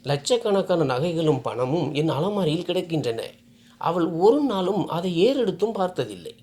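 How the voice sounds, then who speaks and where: Woman doing an elderly mother, tearful, pleading, storybook voice, lively pitch. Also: moderate pace. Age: older. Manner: pleading, emotional.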